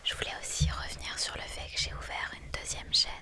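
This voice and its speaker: A young woman whispers closely in a breathy voice, chatting intimately and unscripted to one listener in an ASMR style. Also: fairly quick, bright, forceful tone. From France. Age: young adult. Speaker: ASMR creator and vlogger. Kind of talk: whispered ASMR casual chat.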